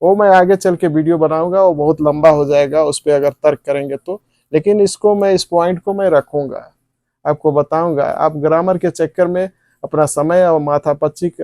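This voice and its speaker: A man's voice: fairly high pitch, dark tone, no echo, studio quality. A man teaching English vocabulary at a board, asking questions and answering them himself. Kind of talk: classroom lesson at a board.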